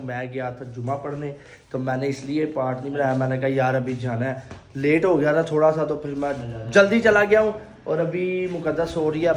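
A man's voice: fairly high pitch, a little hiss or hum. A man, chatting casually as a family vlogger, teasing and talking straight to his viewers. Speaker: vlogger, husband and father. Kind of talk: casual family vlog chat.

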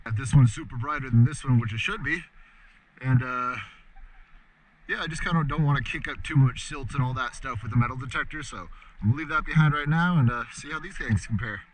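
A man's voice: medium pitch, fairly quick, crowd noise, poor audio. A man in his thirties, an eager treasure-hunting diver, talking casually to his vlog audience in an upbeat way. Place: outdoors by and in a lake. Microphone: action camera, worn or at arm's length. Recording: outdoor action camera with clear background noise.

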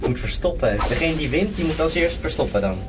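A man's voice: a little high, expressive, fairly quick. A young man chatting casually to a handheld camera as a vlog host, recorded inside an abandoned bunker. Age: young adult. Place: abandoned concrete bunker at night. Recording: loud music over the voice.

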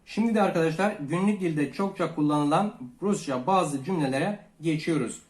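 A man from Turkey teaching a language lesson, calmly repeating each phrase twice and speaking to viewers as friends. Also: a little high, normal speed, roomy sound. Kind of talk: slow Russian lesson for Turkish learners.

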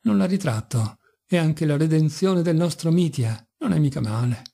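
A brooding young intellectual, as a male audiobook narrator reads him, talks with cold, mocking irony that turns passionate. The voice is a touch high and mellow. It is a plain storybook reading. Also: lively intonation, moderate pace, creaky, husky, full character voice. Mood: ironic. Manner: ironic, bitter, sometimes passionate.

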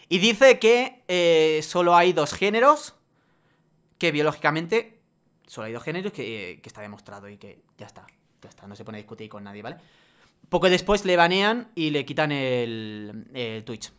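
A man ranting in a vlog monologue, profane and exasperated, swinging from loud outbursts to low muttering. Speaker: YouTuber.

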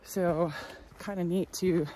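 A woman in her thirties, a thru-hiker vlogger, films a casual walking vlog on a forest trail, talking wryly and chattily into a phone held at arm's length, breathy from the hike. Her fairly low voice is steady, slow, and mellow. The rough recording has a little hiss or hum.

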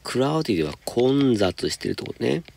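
A man teaching high school English, patiently explaining homework step by step and reading example sentences slowly. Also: sing-song, gravelly, darkish tone, a little hiss or hum. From Japan.

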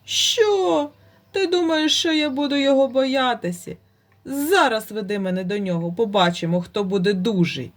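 A woman's voice: fairly high pitch, moderate pace, close to an everyday voice. A woman voicing a furious, hungry male bear lord who roars and blusters in a storybook tale. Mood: boastful. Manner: roaring, blustering.

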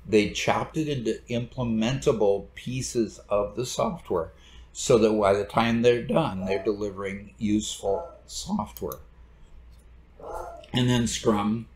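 Middle-aged man lecturing in a roomy study. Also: mid-range voice. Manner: relaxed explanatory, gestures with hands. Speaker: instructor. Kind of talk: recorded lecture over slides. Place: home study with bookshelves, indoors. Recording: roomy echo.

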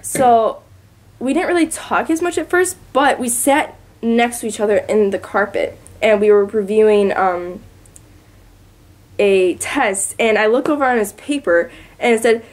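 A woman's voice: fairly high pitch, a little slow. A teenage girl guesting on a casual podcast, telling stories chattily and laughing along the way. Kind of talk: casual storytelling.

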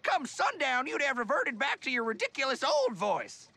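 A hollering, wild old hermit inventor. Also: male voice, very high voice, huge pitch swings, moderate pace, gravelly, bright, forceful tone, heavily acted. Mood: cheerful. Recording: cartoon clip with music underneath.

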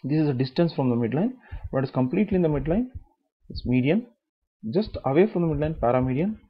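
A man's voice: a little high, lively intonation, fast, slightly rough, lo-fi sound. Man explaining a medical lecture. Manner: explanatory, repeats key terms, asks and answers own questions.

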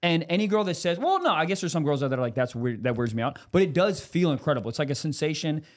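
A man's voice: on the high side, sing-song, quick pace. A man in his twenties chatting casually and candidly on a podcast, speaking with emphasis. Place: small indoor podcast studio. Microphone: close handheld or boom podcast microphone.

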